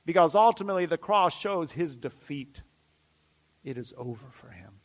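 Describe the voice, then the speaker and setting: A man preaching a sermon with fervent, repeated emphatic phrases, swinging from loud declarations to hushed near-whispers. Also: a little high, animated, normal speed, slight background noise.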